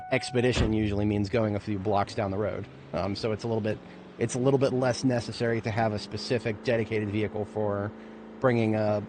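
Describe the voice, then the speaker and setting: Over a noisy background, a man with a lowish voice streams a game, rambling casually and poking fun at himself in playful let's-play commentary.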